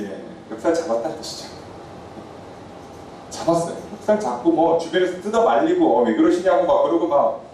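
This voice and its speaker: A man's voice: on the high side, a little mellow, far from the mic, slight background noise. A male pastor preaching a sermon, telling the story vividly and acting out a heated quarrel in the characters' voices. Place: church sanctuary. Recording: echoey church hall, mic from afar.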